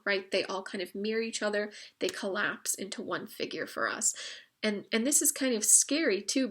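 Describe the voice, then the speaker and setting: A slightly hoarse woman leads an informal literature lesson in a chatty way, with many fillers and wry asides. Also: mid-range voice, a bit bright. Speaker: book discussion leader.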